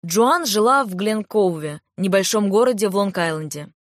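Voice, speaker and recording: A woman reading a first-person novel aloud in a calm, even storytelling manner, close to a studio microphone. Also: mid-range voice, normal speed, no room sound. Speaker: audiobook narrator. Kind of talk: first-person audiobook narration.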